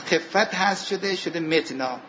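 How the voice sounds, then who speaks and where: A man teaching a seminary class on Arabic grammar and scripture, asking his students questions, answering them himself, and reciting verses slowly. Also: high voice, sharp tone, dull audio, a little hiss or hum. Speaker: religious studies teacher.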